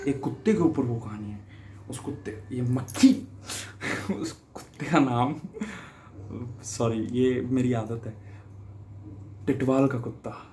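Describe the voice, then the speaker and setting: In a warm, medium-pitched voice with a little background noise, a young guest reader from Haryana tells a personal story. He looks back casually on a writer who shaped his life, laughing lightly and restarting here and there.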